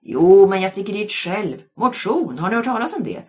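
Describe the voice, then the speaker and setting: A woman's voice: medium pitch, husky, pitched above the performer's own voice, close to an everyday voice. A woman doing a cocky, brusque schoolboy. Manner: loud, brusque. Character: cocky schoolboy, gruff loner.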